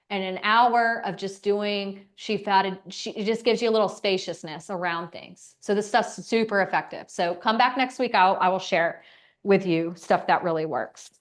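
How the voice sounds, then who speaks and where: A woman instructor leading an online class through gentle movement and breathing, with soft, calm cues. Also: medium pitch. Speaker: exercise instructor.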